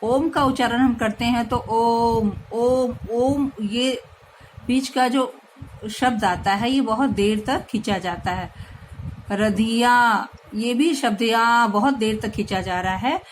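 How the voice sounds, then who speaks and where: A woman teacher giving a slow grammar lesson to young children, patiently spelling out each sound. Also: on the high side, a little hiss or hum, rough recording.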